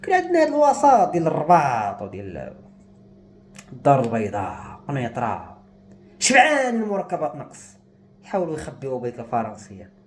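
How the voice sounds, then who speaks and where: A man's voice: on the high side, wildly swooping pitch, fast, slight background noise. A young man with a Moroccan Arabic accent, speaking to camera in an agitated, despairing rant. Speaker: vlogger. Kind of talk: emotional monologue to camera.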